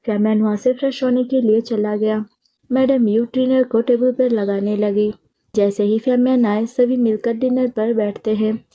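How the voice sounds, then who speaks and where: A woman narrating a fan-fiction story in a steady, plain storytelling manner. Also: on the high side, a little slow. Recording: dull lo-fi audio with faint music.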